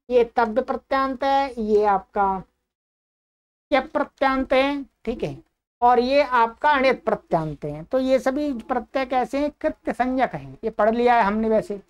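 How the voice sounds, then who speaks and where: A woman with a somewhat high voice teaching a grammar lesson. She poses questions to her listeners and answers them herself. She slows right down when she recites each example. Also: smooth. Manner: slow, drawn-out recitation of Sanskrit examples. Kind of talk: explanatory lesson.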